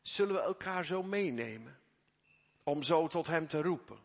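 A man's voice: fairly high pitch, lively intonation, normal speed, creaky. A middle-aged man preaching a sermon as pastor, earnest and emphatic as he addresses the congregation. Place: church. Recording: long church reverb.

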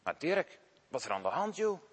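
A man voicing a kind, patient schoolteacher who speaks in a gentle, coaxing way. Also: on the high side, sing-song, fairly quick, slightly rough. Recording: long hall reverb.

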